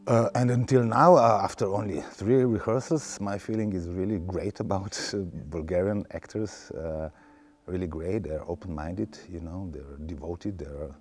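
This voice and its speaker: Very deep, dark-voiced man. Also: slightly rough. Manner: halting, repeats words for emphasis. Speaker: theatre director being interviewed. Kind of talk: informal interview.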